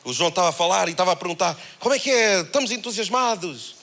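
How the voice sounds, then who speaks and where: Man, European Portuguese accent, preacher, high bright voice, animated conversational sermon. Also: racing, creaky. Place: church held in a cinema.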